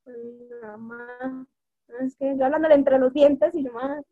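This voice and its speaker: A woman's voice: high voice, a little slow, no room sound. A woman giving an informal devotional talk with personal stories, rambling and correcting herself as she goes. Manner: rambling, with many fillers and self-corrections. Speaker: lay preacher. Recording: tinny phone-like recording.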